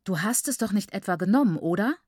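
A woman's voice: mid-range voice, animated, quick pace, a little mellow, dry recording, studio quality, close to an everyday voice. A woman reading aloud voices a headstrong, defiant teenage girl who talks in agitated, rising bursts. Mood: pleading.

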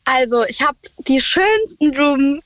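An eighteen-year-old woman calling in to a radio show and excitedly telling a story, acting out quoted lines. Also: high voice, a little slow, no echo, dull audio. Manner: excited, giggly, acts out quoted dialogue. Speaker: caller. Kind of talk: phone-in storytelling.

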